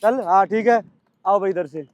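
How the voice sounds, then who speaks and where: A male coach with a Delhi Hindi accent calling brisk commands and scolding his trainees at practice. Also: sits high, dry recording.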